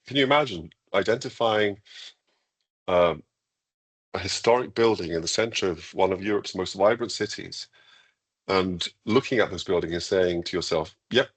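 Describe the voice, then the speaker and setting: An international school leader from Iceland answers questions in a live interview, sounding enthusiastic yet measured. His voice sits low with a breathy edge, and he often says "um" and restarts his sentences.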